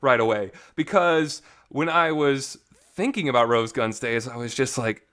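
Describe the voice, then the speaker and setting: On his casual visual novel talk show, a man offers a fan review that's enthusiastic, emphatic and informal. His medium-pitched voice is animated and a bit bright, moving a little slowly. Some reverb is audible in the recording.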